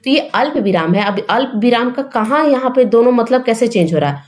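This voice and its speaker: A woman's voice: fairly high pitch, animated, brisk. A young woman teaching an exam-prep grammar lesson, explaining step by step and asking rhetorical questions.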